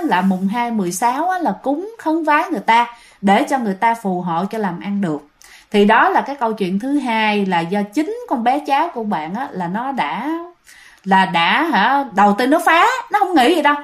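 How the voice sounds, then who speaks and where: Woman, Southern Vietnamese accent, casual ghost story telling, chatty, slightly high voice. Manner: chatty, repeats phrases, addresses listeners directly. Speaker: storyteller host.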